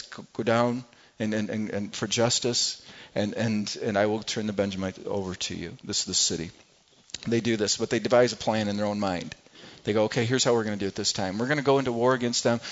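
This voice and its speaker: A man's voice: mid-range voice, muffled recording. A man preaching a sermon, retelling a scripture story dramatically and voicing the crowd in quotes, with many restarts.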